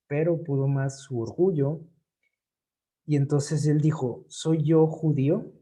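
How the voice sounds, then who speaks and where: Man, very dark mellow voice, casual Bible study teacher, reads then explains. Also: medium pitch. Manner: reads passages aloud then explains them conversationally, asking the group.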